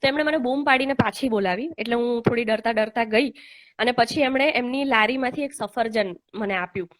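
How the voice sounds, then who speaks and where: Young woman host, heartfelt storyteller, fast talker, slightly high voice, hesitant fillers. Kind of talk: casual live chat, personal storytelling. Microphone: online live call.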